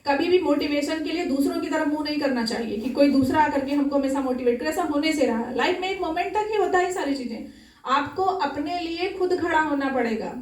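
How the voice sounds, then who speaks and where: Young woman speaker, high voice, earnest and exhorting, miked from a distance. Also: fairly quick, darkish tone. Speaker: spiritual speaker. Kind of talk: Sunday talk to a gathering. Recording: echoey hall, mic at a distance.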